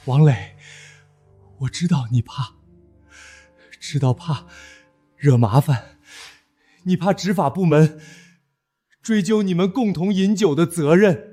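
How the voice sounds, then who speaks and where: A man's voice: high-pitched, big pitch swings, slow, pauses often, soft background music, full character voice. An actor playing a grief-stricken, determined son seeking justice for his father in a short drama, pleading and tearful. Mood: broken pleading. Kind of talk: emotional short-drama acting.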